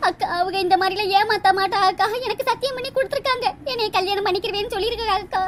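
A woman's voice: extremely high pitch, racing, very noisy. A woman voicing a lovesick younger sister in a cartoon, sobbing and pleading. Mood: tearful pleading. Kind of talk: cartoon voice acting.

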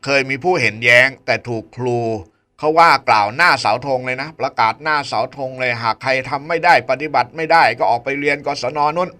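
A man's voice: mid-range voice, bright, forceful tone. A man with a Northern Thai accent hosting a local radio news show, chatting casually and tacking polite particles onto nearly every phrase. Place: radio studio.

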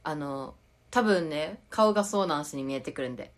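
A woman's voice: deep voice, animated, brisk. Giggly young woman with a Tokushima accent. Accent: Tokushima dialect. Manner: giggly, reads viewer comments aloud, chatty. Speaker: idol livestreamer. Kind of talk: casual live-stream chat with viewers.

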